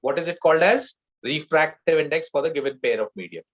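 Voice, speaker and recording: A man's voice: a little high, lively intonation, very slow, muffled recording. A male physics teacher giving an online class, mixing Hindi and English and asking the class questions, repeating each key term.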